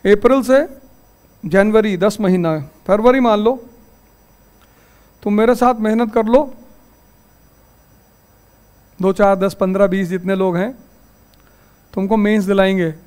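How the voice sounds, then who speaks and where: High-voiced male teacher. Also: slow, pauses often, clear, resonant tone. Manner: storytelling, lively and anecdotal; stern about class rules. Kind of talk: classroom lecture with stories. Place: classroom.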